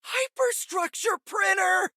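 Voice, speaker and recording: A man's voice: very high voice, slow pace, bright, forceful tone, no room sound, raised voice, studio quality, exaggerated voice. A man voicing a youthful, quippy, sunny superhero in a video game, boyish and wisecracking. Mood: excited. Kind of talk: video game character acting.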